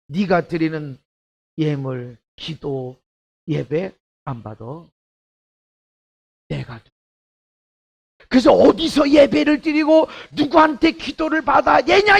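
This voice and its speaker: A middle-aged male pastor preaching a sermon, dropping to quiet asides and then rising to shouted, emphatic passages. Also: gravelly. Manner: swings from hushed asides to shouted, high-pitched preaching.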